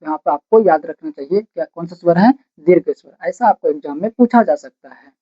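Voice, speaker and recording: A grammar teacher dictating notes slowly, repeating phrases word by word and asking questions before answering them. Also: medium pitch. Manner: slow, repetitive dictation, breaking sentences into single words. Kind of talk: blackboard-style grammar lesson, dictating notes. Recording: dull lo-fi recording.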